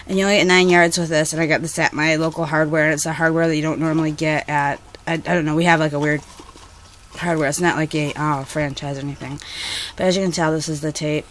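A woman's voice: sits low, slight background noise. A young woman casually showing off handmade duct tape purses, chatty and rambling with plenty of ums. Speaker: duct tape crafter showing custom orders. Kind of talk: casual show-and-tell vlog.

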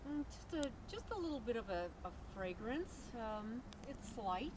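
A middle-aged woman guiding a casual walking tour of a garden, talking in a gentle, admiring way with many fillers. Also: a little high, sing-song, normal speed. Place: outdoor botanical garden. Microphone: camera held by companion. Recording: outdoor noise on camera mic.

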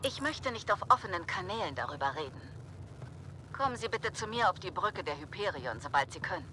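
An actor voicing a composed starship captain who calls in over a sci-fi communicator transmission in a German game dub, speaking in formal, brief requests. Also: male voice, high voice, very animated, fairly quick, sharp tone, a little hiss or hum, full character voice. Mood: urgent. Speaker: ship captain.

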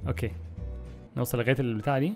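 Young Egyptian male gaming host, jokey and quick-tempered, very fast, soft game music behind. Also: medium pitch. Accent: Egyptian Arabic. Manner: excitable, exasperated, jokey, talks to viewers. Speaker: gaming YouTuber. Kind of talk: gameplay commentary.

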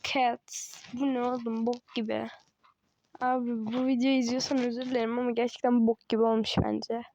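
A woman's voice: fairly high pitch, level tone, normal speed, darkish tone, a little hiss or hum. A woman giving casual, teasing commentary over a game she is playing, chatting to herself and laughing often. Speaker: gaming channel host.

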